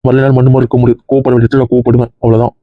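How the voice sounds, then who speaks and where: A man's voice: mid-range voice, monotone, racing, no room sound, close to an everyday voice. A young man playing a stubborn groom who argues defiantly with his family. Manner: defiant, argumentative. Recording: muffled lo-fi sound.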